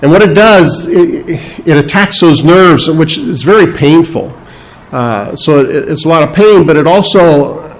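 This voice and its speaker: Halting man preaching a sermon. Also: fairly high pitch, rough recording. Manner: unscripted, halting delivery with many fillers and restarts; explains scripture verse by verse, stressing key words. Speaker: pastor.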